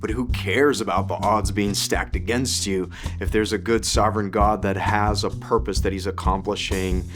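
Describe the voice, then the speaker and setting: A man's voice: on the low side, fairly even intonation, normal speed, hardly any pauses. A man in his thirties from Ukraine, a pastor telling his story in an earnest, reflective way. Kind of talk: testimony interview. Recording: music bed under voice.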